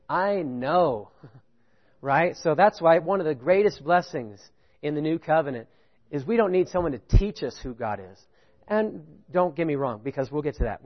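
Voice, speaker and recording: A preacher's fairly high voice carries an animated sermon with audience participation, rising in pitch on his key points. Between points he chuckles and checks in with listeners, asking "right?" The recording is dull and lo-fi.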